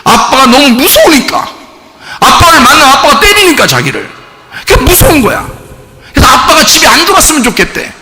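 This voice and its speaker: A male pastor preaching a sermon in a church, animated and acting out the voices he quotes. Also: very high voice, fairly quick. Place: church sanctuary. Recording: reverberant church hall with faint noise.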